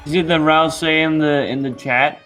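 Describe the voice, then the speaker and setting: A man's voice: fairly high pitch, steady tone, normal speed, a bit bright, faint music behind. A man on a voice call, chatting casually, eager and a little stumbling. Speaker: friend on voice call. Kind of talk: casual chat.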